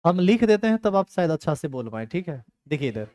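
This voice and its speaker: During a classroom chemistry lecture, a man scolds and teases his students in a rustic Hindi dialect. His slightly high voice is dark in tone, fairly quick, and swings widely in pitch.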